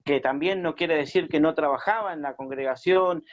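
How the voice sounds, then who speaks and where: A man's voice: on the high side, moderate pace, highs cut off. A man from Chile, a pastor telling his testimony in a radio interview, hesitant with many fillers and restarts.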